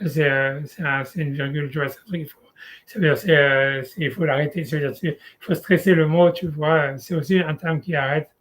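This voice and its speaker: A man teaching Torah in a relaxed one-on-one study session, talking casually with many restarts and fillers. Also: on the high side, brisk, a little hiss or hum.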